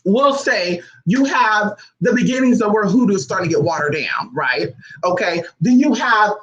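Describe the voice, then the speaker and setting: Man, high voice, blunt profane vlog rant, lots of rhetorical questions. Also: animated, normal speed, fairly bright tone, dull audio. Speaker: spiritual practitioner vlogger. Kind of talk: unscripted ranting monologue.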